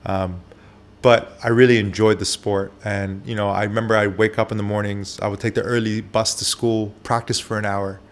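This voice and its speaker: A barber who grew up in Japan answers interview questions candidly, with soft pauses and frequent fillers. His voice is lowish and level in tone.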